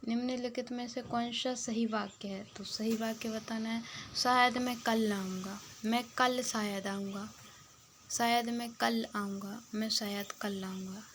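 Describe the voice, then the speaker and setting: A woman teacher with a higher voice reads out exam questions and then explains each answer. She drops into a soft whisper now and then. A faint background hum sits under the recording.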